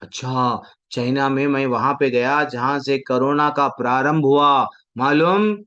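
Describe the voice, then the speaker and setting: A man preaching from a devotional text. He asks questions, answers them himself, and chants verses slowly. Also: medium pitch, bright, forceful tone. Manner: mixes Hindi with English words. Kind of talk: devotional scripture talk. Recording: dull lo-fi sound.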